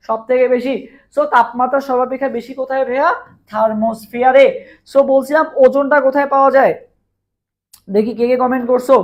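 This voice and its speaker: A man with a Bangladeshi Bengali accent runs a live online chemistry class, his voice very high and hoarse after a long day of teaching. He repeats questions and drills answers with his students.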